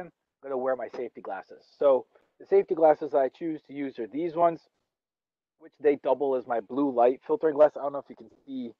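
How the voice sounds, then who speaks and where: A man's voice: mid-range voice, no echo. Chatty young man, dull lo-fi sound. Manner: rambling, chatty, with many fillers and restarts. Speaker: vlogger. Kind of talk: casual talk while eating. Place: outdoors under a tree in a yard.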